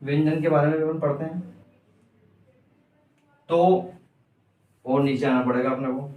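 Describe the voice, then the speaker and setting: A man's voice: fairly high pitch, fairly even intonation, unhurried, recorded from a distance, narrow, tinny audio. Male teacher, echoey room off-mic. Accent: Indian Hindi. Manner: asks the class questions and answers them himself. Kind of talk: exam-prep grammar lesson.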